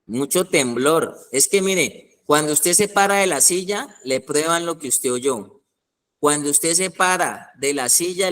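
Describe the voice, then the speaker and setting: A man preaching a teaching sermon, animated, acting out little scenes and asking his listeners questions. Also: on the high side. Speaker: pastor.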